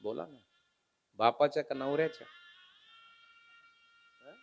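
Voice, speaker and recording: A man's voice: fairly high pitch, a little slow, creaky, faint music behind. A man preaching a humorous devotional sermon, dramatic and emotional and speaking straight to his audience. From Maharashtra. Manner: dramatic, emotional, swings between loud and hushed; addresses the audience directly. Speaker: kirtan preacher.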